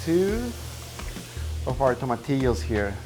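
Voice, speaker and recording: A man's voice: mid-range voice, sing-song, measured pace, darkish tone, soft background music. A man from Mexico, a chef and restaurant owner, chatting casually and explaining each step as he cooks at a grill in a kitchen. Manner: explains steps while cooking at the grill. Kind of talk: casual cooking chat.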